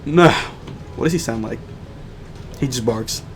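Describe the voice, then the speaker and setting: A man's voice: medium pitch, measured pace, background noise. Playful male streamer reading a game aloud. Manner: playful, joking, reads narration aloud.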